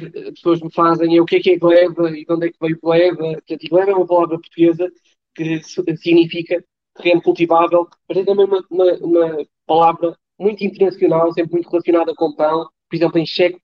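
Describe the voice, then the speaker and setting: Guest: man, fairly high and flat voice, dull lo-fi sound, hesitant explainer. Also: fast talker. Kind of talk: podcast interview.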